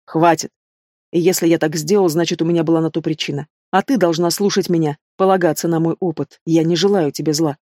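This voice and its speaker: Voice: mid-range voice, fairly even intonation, a little fast, darkish tone, dry recording, clean studio sound, close to an everyday voice. A reader doing a stern werewolf father. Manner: growling, commanding. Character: stern overprotective werewolf father, middle-aged.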